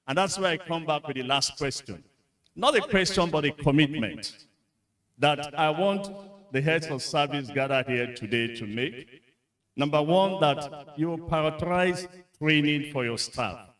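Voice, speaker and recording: A man's voice: on the high side, measured pace, a bit bright, distant mic. A man with a Nigerian English accent giving a frank, conversational conference speech to senior civil servants, with frequent fillers. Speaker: speaker at a civil service retreat. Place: conference hall.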